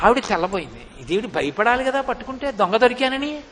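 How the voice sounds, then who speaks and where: High voiced preacher guy telling a devotional story, lots of exclamations, faint hiss in the room. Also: quick pace, in a large hall. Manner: animated, with dramatic exclamations.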